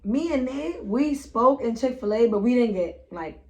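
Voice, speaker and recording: A woman's voice: fairly high pitch, lively intonation, normal speed, a little mellow. A young woman, telling a trip story in casual slangy chat and acting out her friends. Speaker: vlogger.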